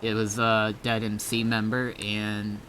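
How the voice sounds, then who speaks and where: Lowish and monotone, this man's unhurried voice comes with background noise as he offers casual gameplay commentary and chat. He's a streamer and server admin who rambles hesitantly and repeats himself.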